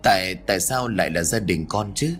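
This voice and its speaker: A man's voice: low voice, fairly quick, a bit bright, faint music behind. A man voicing a frightened young male apprentice exorcist who stammers anxiously, in an audiobook ghost story.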